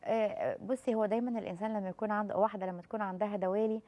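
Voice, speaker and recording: A doctor guest on a TV talk show, a woman in her thirties with an Egyptian accent, answers callers quickly, warmly, and reassuringly, calling them "dear." Her medium-pitched voice has a dark tone and fairly even intonation, recorded in the studio.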